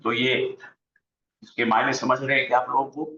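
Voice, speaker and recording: A man teaching an online Arabic grammar lesson, slowly drilling word forms aloud on a video call. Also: mid-range voice, level tone, pushed and bright. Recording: dull echoey room sound.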